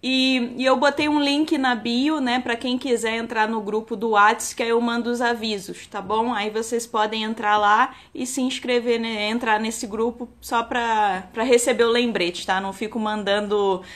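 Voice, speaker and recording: A woman's voice: a little high, fairly even intonation, moderate pace, hardly any pauses. A woman in her thirties from Rio with a Carioca accent, an enologist talking casually on a live stream and padding her talk with fillers. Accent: Carioca Brazilian Portuguese. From Rio de Janeiro, Brazil. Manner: chatty, many "né" and "tá" fillers, restarts.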